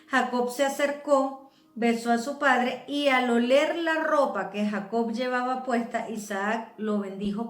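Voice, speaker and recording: Woman, Venezuelan accent, preacher, sermon, fairly high pitch, echoey church room. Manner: teaching, checks in with listeners.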